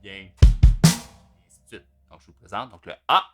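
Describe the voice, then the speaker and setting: A man, explaining drum rudiments in a relaxed, casual way with many fillers. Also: sits low, normal speed, loud music behind the voice. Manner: relaxed, talks through patterns with many fillers. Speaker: drum teacher.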